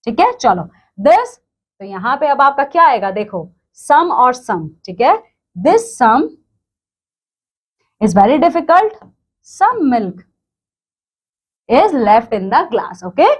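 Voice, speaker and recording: Woman teacher, high voice, unhurried pace, reads slowly, explains quickly. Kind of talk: textbook lesson explanation.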